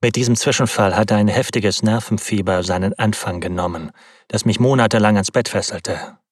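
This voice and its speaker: A man narrates a classic novel in first person, his lowish voice carrying a husky, breathy grain. The delivery is measured and dramatic, close-miked and completely dry. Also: no room sound. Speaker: audiobook narrator.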